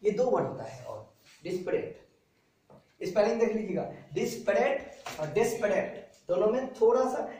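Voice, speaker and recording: A man with a high voice teaches a class, repeating every word and meaning and drilling his students with questions. He is recorded from a distance in a very echoey classroom. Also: big pitch swings, moderate pace, mellow, slight background noise. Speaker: vocabulary teacher.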